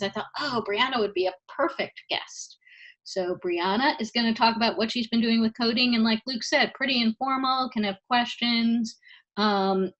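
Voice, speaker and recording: A woman's voice: medium pitch, dull audio. A woman introducing a guest on a video call, enthusiastic and joking at her own expense. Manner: enthusiastic, self-teasing. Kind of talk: casual video call talk.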